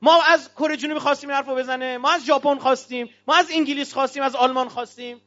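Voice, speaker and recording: A man from Iran giving an impassioned political speech to an audience, fiery and declamatory, with bursts of shouting. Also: very high voice, steady tone. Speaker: speaker addressing an audience. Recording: dull lo-fi recording.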